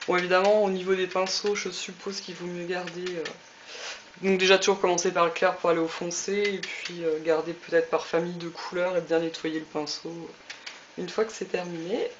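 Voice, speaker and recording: A woman hosts a casual craft tutorial, chatting through each step with many fillers and little "hop" cues. Her low-side voice is flat and brisk, and the recording is muffled with background noise.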